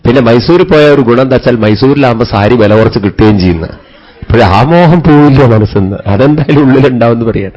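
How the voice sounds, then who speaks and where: A man's voice: mid-range voice, expressive, fairly quick. A man, a swami, giving a devotional discourse in a chatty storytelling manner full of rhetorical questions, in a dull lo-fi recording.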